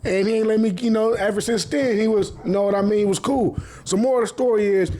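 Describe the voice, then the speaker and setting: A man's voice: high voice, fairly even intonation, fast, mellow. A man hosting a podcast, telling stories in casual street slang with plenty of profanity and frequent laughter. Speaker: podcast host. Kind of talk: casual storytelling.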